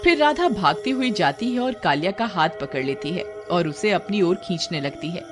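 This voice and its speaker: A woman with a fairly low, animated voice narrates a scripted cartoon horror story as its storyteller at a moderate pace, with music playing behind her.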